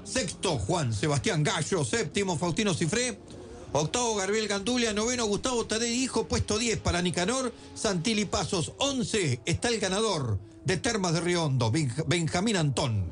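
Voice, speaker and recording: A man's voice: sits high, expressive, moderate pace, faint music behind. A man with an Argentine accent co-commentating live motor racing, giving standings and short analysis.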